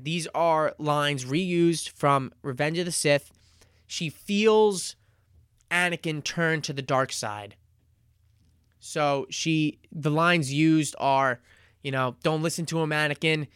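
A man recaps a series for his podcast in a loose, excitable, rambling manner, full of fillers and casual swearing. His voice sits a little high and comes through smooth and resonant. The sound is close and dry. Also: slow pace, pauses often, no echo. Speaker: podcast host reviewing a TV series.

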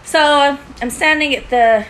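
A young adult woman from Utah telling a story in casual chat, animated and swearing freely. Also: high voice, measured pace, slight background noise, rough recording.

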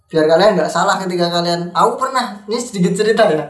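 High-voiced young man with Javanese lilt. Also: fast. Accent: Javanese-tinged Indonesian. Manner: animated storyteller, laughs while telling. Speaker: podcast host. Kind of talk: casual chat. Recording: echoey room.

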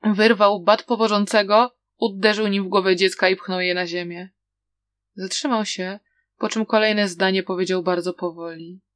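A woman narrating a storybook with a steady, softly dramatic reading. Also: medium pitch, moderate pace, dry recording. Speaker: audiobook reader.

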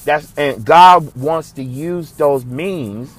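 A man's voice: fairly high pitch, slow pace. A man from the United States hosting a religious commentary show, speaking in an impassioned, preachy way that repeats phrases for emphasis.

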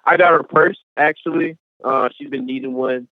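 A man co-hosting a podcast in laid-back, slangy banter, heard over a choppy, robotic-sounding remote connection with a low sample rate. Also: fairly even intonation, a little slow, dry recording. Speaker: podcast co-host. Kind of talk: casual banter. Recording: tinny low-bandwidth internet call.

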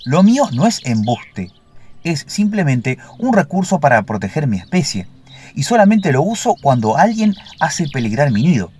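A man voicing a vain, suspicious older male lapwing bird with a shrill, screeching voice in a storybook fable. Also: very animated, moderate pace, slight background noise. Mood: lecturing.

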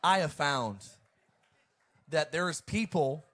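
A man's voice: fairly high pitch, lively intonation, slow pace. A male pastor preaching an emphatic sermon to his congregation. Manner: emphatic, preacherly, swings between loud and quiet.

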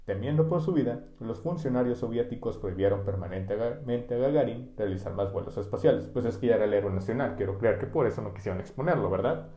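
Man, Mexican Spanish accent, podcast host, jokey narration, mellow dark timbre, echoey room. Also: on the low side, lively intonation, quick pace, hardly any pauses. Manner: playful, jokey, breaks into bits. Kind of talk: comic history podcast narration.

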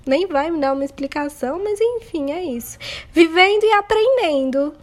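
A woman's voice: extremely high pitch, lively intonation, moderate pace. A young woman with a Brazilian accent, hosting her own podcast in a candid, rambling, self-mocking monologue with nervous laughs. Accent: Brazilian Portuguese. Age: young adult. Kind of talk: casual confessional monologue.

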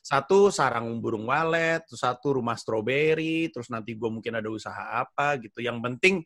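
A man's voice: medium pitch, brisk, a bit bright, no room sound, clean studio sound. A man, a stand-up comedian, chatting casually on a panel and telling stories with animation.

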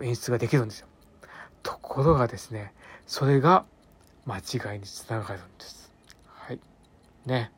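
A man's voice: medium pitch, husky. A man telling anecdotes as a radio presenter, chatty and emphatic, often checking in with listeners. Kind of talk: conversational storytelling monologue.

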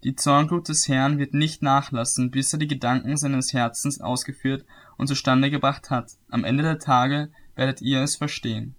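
A man reads a Bible passage aloud at a steady, measured pace. His pitch sits in the ordinary middle range. Now and then he slips on a word and corrects himself. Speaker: Bible reader. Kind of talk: reading scripture aloud.

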